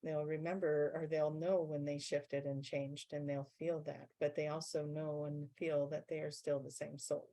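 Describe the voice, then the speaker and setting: A woman channelling a guide being in a spiritual question-and-answer session, explaining in a measured way and slowing down to stress key words. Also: low voice, flat delivery, warm tone.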